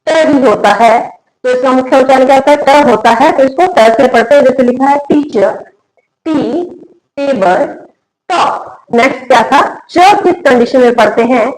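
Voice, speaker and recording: A woman's voice: sits high, normal speed, a little mellow, low-quality recording. A woman teaching an English spelling lesson in Hindi, spelling words letter by letter, asking questions and answering them herself.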